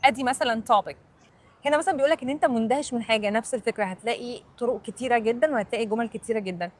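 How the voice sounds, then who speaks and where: Egyptian woman English teacher, casual explainer, rapid and high-pitched. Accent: Egyptian Arabic.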